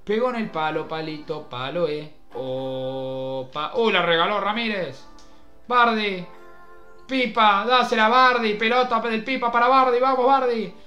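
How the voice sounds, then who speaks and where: A young man with an Argentine Spanish accent, doing mock football commentary over a video game, swinging between shouted play-by-play and muttered grumbling. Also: high-pitched, unhurried, lo-fi sound, soft background music. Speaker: gaming youtuber.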